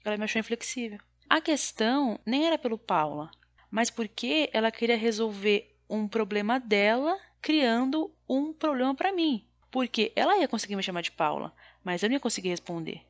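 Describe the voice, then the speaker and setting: A woman performing a stand-up comedy monologue in a wry, deadpan, exasperated way. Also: a little high, normal speed, no room sound.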